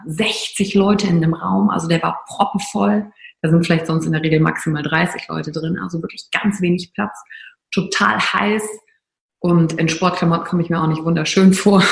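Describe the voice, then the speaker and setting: A woman with a gravelly, fry-edged voice recounts a personal struggle in a motivational talk. She speaks emphatically and confessionally, hammering points home with repeated phrases. The sound carries a roomy echo. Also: lowish voice, darkish tone.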